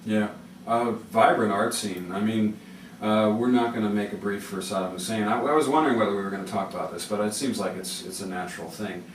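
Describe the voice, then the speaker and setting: A man's voice: fairly low pitch, brisk. A man hosting a public radio interview, talking in a hesitant, digressive, rambling way. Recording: roomy, noisy, distant-mic radio interview.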